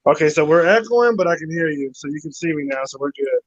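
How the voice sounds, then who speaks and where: A man's voice: a little high, animated, fast. Man on a choppy phone video call. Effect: choppy phone video-call connection. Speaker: guest, python breeder. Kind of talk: casual interview chat. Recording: dull lo-fi phone audio cutting out.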